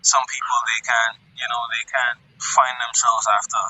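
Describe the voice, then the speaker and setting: A man speaks over a thin, tin-can-like call from somewhere outdoors. His voice is piercingly bright and raspy. He stops and restarts often as he talks. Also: mid-range voice, flat delivery. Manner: halting, stammering restarts. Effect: tinny tin-can phone sound. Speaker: guest, retired footballer. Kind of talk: casual remote interview chat. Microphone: video call.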